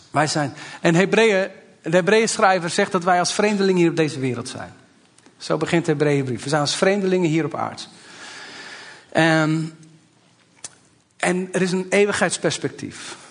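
A pastor in his forties, a man with a slightly high voice and some vocal fry, preaches a sermon in a church. He starts conversationally and builds to emphatic exhortation.

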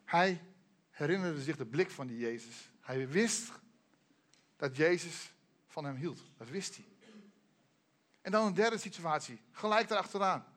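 A man preaching a sermon, retelling a Bible story in an earnest storytelling way, slowing on key names and dropping low at the ends of sentences. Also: lively intonation, fairly bright tone.

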